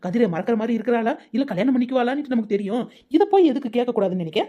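A woman's voice: a little high, lively intonation, rapid-fire, muffled recording. A woman voicing a blunt middle-aged village woman in a cartoon, speaking matter-of-factly. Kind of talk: cartoon voice acting.

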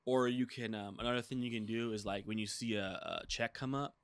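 This thirtysomething man co-hosts a gaming podcast, rambling through a casual chat full of "like" fillers and animated retellings. His mid-range voice is clear and resonant and fairly quick. The recording is dry, made on a boom-arm desk mic in a small studio with a dark curtain backdrop.

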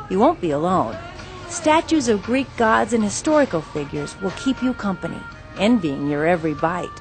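A woman TV reporter narrating a news feature in a bright, scripted way and chatting with diners on camera. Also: medium pitch, poor audio.

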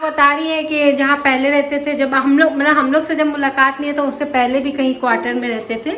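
Young female vlogger, bright chatty delivery, echoey home room. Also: high voice, steady tone, a little fast. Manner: chatty, addresses viewers, laughs often. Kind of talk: casual vlog chat.

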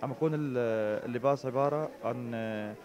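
A man in his thirties with a Syrian Arabic accent, a charity representative explaining a project in a brisk, matter-of-fact way. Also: medium pitch. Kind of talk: interview explanation. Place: busy indoor clothing shop. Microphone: handheld reporter mic. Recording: crowd chatter behind.

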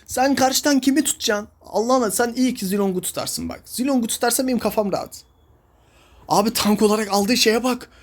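A man's voice: very high voice, a little fast. A young man giving casual commentary while playing a mobile game, ranting in exasperation at his teammates.

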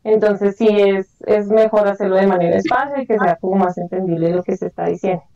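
A woman's voice: mid-range voice, brisk, mellow. Woman guest rambling casually, sounds far from the mic, dull muffled audio. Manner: rambling, chatty, many fillers and restarts. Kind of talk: casual panel chat.

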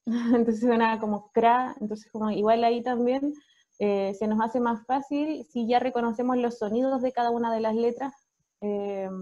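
Chilean woman teacher, patient, slightly high, muffled line. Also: mellow. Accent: Chilean Spanish. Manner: patient, checks in with frequent "¿ya?". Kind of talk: explaining phonics to parents.

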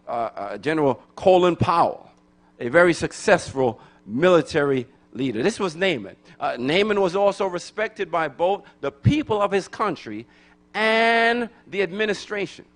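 Speaking on the high side with a somewhat bright voice, a middle-aged Brooklyn man serves as guest preacher, delivering a sermon through a handheld mic in church. His call-and-response style repeats phrases, asks the congregation to answer back and builds to emphatic.

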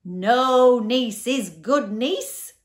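A woman voicing a huge male smog creature who bellows his words slowly and swings from laughter to tears in a storybook reading. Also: deep voice, animated, fairly bright tone, heavily acted. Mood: roaring laughter. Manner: bellowing, slow and drawn out. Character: booming male smog creature, loud and emotional.

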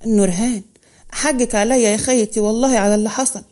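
A woman's voice: a little high, fairly even intonation, fast talker, mellow, natural voice. A woman voicing an embarrassed, fretful young woman student. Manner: apologetic, fretful.

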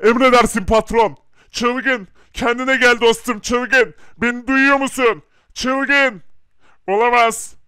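A frantic thief boss barks orders, as a man acts him out, urgent and commanding. His voice is very high and bright with a crisp, clean tone. It is dry and close, like a home-recorded cartoon. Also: steady tone, takes it slowly, dry recording, heavily acted. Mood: alarmed. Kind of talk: hobby animation voice acting.

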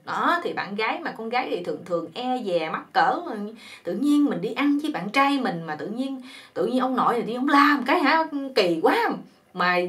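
A woman hosts her own channel and tells a humorous folk poem. Her fairly high voice leaps around animatedly, full of exclamations and chatty asides. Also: fairly bright tone. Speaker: channel host, joke teller.

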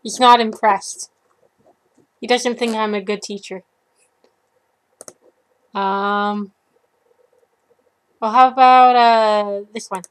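A woman's voice: on the high side, steady tone, takes it slowly, pauses often, smooth. A young woman vlogging to her webcam from her computer desk at home, chatty and cheerful, cooing now and then at her dog. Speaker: vlogger and violinist. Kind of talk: casual chat to camera.

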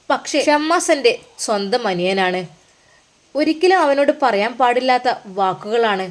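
Woman narrator, dramatic emotive storytelling. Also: fairly high pitch.

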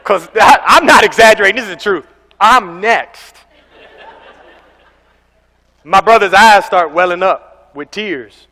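High bright-voiced man preaching in a hall. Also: a little slow, long pauses. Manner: animated storytelling, acting out voices. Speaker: pastor. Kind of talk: sermon. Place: large church hall. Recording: echoey church hall.

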